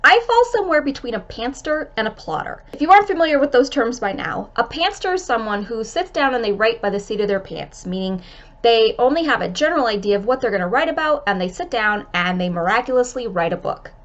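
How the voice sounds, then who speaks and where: A woman with a fairly high voice, her throat scratchy and her nose stuffed up from being sick. She talks to camera in a friendly, direct vlog-style tutorial, giving writing tips. The sound is dull and lo-fi. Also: lively intonation, fairly quick. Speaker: author giving writing advice.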